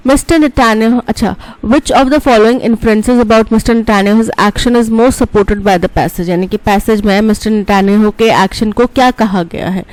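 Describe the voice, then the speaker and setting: Bright-voiced woman teaching English. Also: a little high, no echo, low-quality recording. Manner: explains word meanings in Hindi, reads English questions slowly. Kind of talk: exam-prep lesson explaining answers.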